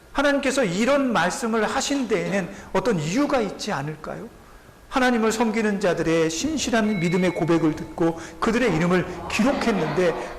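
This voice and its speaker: High-voiced male pastor preaching. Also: a little hiss or hum, rough recording. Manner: explains with rhetorical questions and acts out quoted voices. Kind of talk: sermon.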